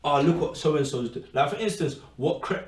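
A man's voice: on the high side, normal speed. A man, co-hosting a podcast in a casual, slangy way and repeating his points. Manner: relaxed slangy talk, repeats phrases. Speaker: podcast co-host. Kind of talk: casual chat. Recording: echoey room, mic at a distance.

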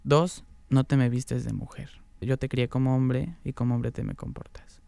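A man's voice: medium pitch, normal speed, gravelly, no room sound. Candid young Mexican man telling his story. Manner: candid and animated, laughs often, Mexican slang. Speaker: interview guest. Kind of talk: casual personal storytelling.

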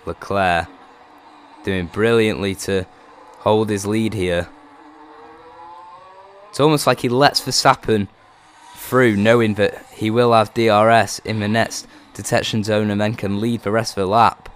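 A man giving motorsport race commentary as a co-commentator, getting excited as the action builds. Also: lowish voice, unhurried, long pauses, a little hiss or hum.

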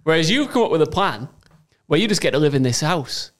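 A man co-hosting a casual gaming podcast, excitable and quick to shout in disbelief. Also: a little high. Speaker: podcast co-host. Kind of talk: casual chat.

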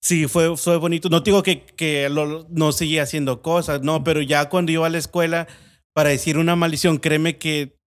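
A man, a guest telling his personal testimony in an earnest, unhurried way. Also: fairly high pitch, flat delivery, no echo, clean studio sound. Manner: earnest, unhurried, acts out quoted voices. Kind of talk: casual storytelling conversation.

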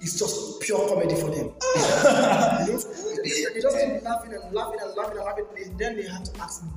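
A woman's voice: medium pitch, brisk, darkish tone. A woman with a Nigerian accent explains things casually and emphatically, often repeating a phrase. She sounds a little distant from the mic in a very reverberant hall, with faint music behind.

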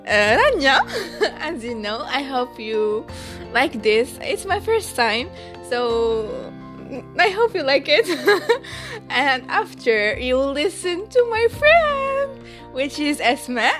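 A young woman from Morocco talks slowly in a relaxed podcast chat, her voice sitting fairly high. She laughs easily and fills her pauses with "uh" and "um". Soft music plays faintly behind her. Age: late teens. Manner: slow, giggly, many fillers and restarts. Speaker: podcast co-host. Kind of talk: casual chat.

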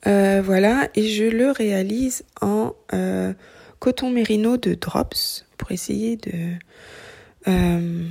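Husky, soft-spoken woman with gravelly tones. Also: mid-range voice. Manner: soft-spoken, often drifting into a whisper. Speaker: knitting vlogger. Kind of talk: casual chat.

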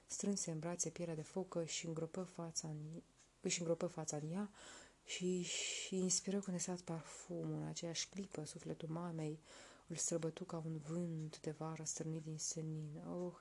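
A woman reading a folk tale aloud in a soft, slow, hushed narration. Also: low-pitched, little pitch movement, slightly rough. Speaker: storyteller.

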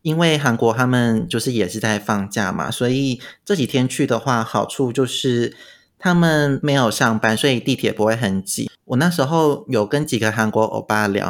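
A man's voice: medium pitch, gravelly. Casual Taiwanese-accented Mandarin male guest. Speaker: podcast guest recounting a trip. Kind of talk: casual chat.

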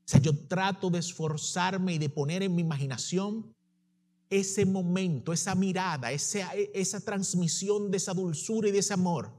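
A man preaching a sermon to his congregation, swinging from impassioned declarations to soft, tender passages. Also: sits high, moderate pace.

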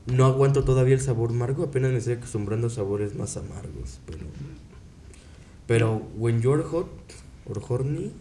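A young man with a Mexican accent rambles through jokey anecdotes in a relaxed, casual chat. His voice sits at an ordinary pitch with a mellow, warm tone, and a faint low rumble hums underneath. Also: normal speed. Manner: joking, rambling storyteller. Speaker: co-host.

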